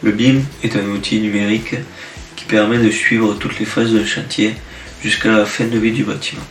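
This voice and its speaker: A young man with a low, flat voice explains a student project in a measured, steady way. He sounds set back from the mic in a roomy, echoing space, with soft music underneath. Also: far from the mic. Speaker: student presenter. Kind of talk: project presentation.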